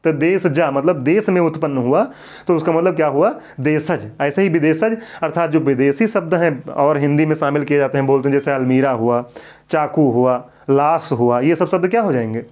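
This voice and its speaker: Male grammar teacher, fairly high voice, asks and answers his own questions, muffled lo-fi sound. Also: normal speed, a little mellow. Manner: drills students with repeated questions and answers. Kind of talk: exam-prep lecture. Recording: dull lo-fi recording.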